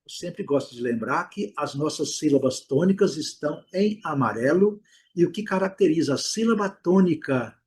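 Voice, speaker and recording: A Brazilian man teaching English pronunciation, repeating example words slowly and stretching the vowels. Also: a little high, darkish tone. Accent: Brazilian Portuguese. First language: Portuguese. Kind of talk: pronunciation lesson.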